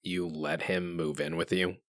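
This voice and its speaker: A man acts out a gruff wolf sheriff with an extremely low voice, recorded dry and close. He is terse and commanding, with a sardonic, menacing edge, in the manner of a hard-boiled comic drama. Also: little pitch movement, unhurried, a bit bright, dry recording. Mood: dry, prying. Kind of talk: comic dub acting.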